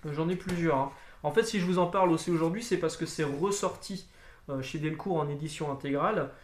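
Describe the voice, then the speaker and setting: A man talks through a comic book review in a loose, rambling way, full of fillers and restarts. His voice sits a little high, and the room around him gives a clear echo. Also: a little fast. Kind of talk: casual video review.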